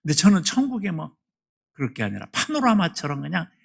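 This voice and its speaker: A middle-aged male pastor delivers a sermon in a church with a gravelly, husky voice. His voice sits a little high for a man. He preaches emphatically and drops to hushed asides before rising to loud appeals. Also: huge pitch swings, fairly quick. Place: church sanctuary.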